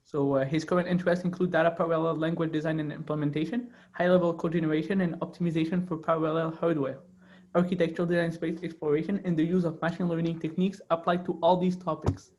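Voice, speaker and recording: A student host introducing speakers over a video call, halting with many fillers. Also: male voice, a little high, level tone, darkish tone.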